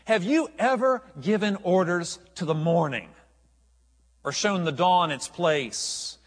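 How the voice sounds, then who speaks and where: A preacher booming as God, slow and thundering. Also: male voice, big-room sound. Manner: slow, booming, emphatic reading. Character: thundering almighty God questioning a man.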